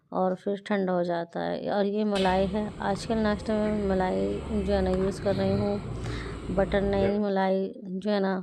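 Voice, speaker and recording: A woman talking through her morning in a casual, homely home vlog. She tends to fill her pauses with little filler phrases. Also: mid-range voice, gravelly, mellow, slight background noise. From India. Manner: chatty, homely, fills pauses with "jo hai na". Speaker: vlogger.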